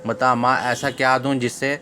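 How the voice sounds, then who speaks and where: An impatient grown son, read by a narrator. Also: male voice, medium pitch, level tone, normal speed, bright, forceful tone, a little hiss or hum, natural voice. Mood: irritated.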